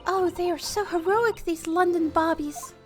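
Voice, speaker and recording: Woman playing a very high, gushing policeman's wife. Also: steady tone, a little slow, faint music behind. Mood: swooning. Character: adoring, swooning wife of a London policeman. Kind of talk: video game read-aloud voice acting.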